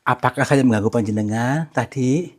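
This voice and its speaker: A man hosting a ghost-hunting vlog who politely coaxes and soothes unseen spirits, often hushed. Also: mid-range voice, moderate pace. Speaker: paranormal explorer host.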